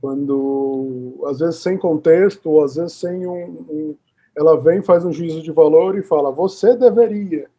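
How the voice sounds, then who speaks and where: A man hosting an interview, chatting in a relaxed conversational way. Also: a little high, measured pace. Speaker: host. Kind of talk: casual interview chat. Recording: dull, muffled sound.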